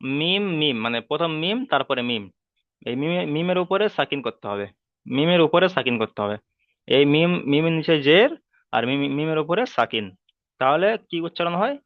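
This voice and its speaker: Man, tajweed teacher, patient and repetitive, slow chanted examples, dry tinny phone-like sound. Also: fairly high pitch, animated, no echo. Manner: patient and repetitive, drilling rules and asking checking questions; chants Arabic sounds slowly when modelling them. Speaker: Quran recitation teacher. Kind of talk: online tajweed lesson.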